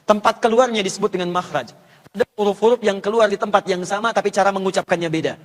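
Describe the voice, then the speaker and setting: An Islamic preacher fields audience questions at a live Q&A lecture, demonstrating pronunciation through playful, repeated drills. He talks fast in a high-pitched voice. The large lecture hall, full of listeners, gives the recording a long reverb.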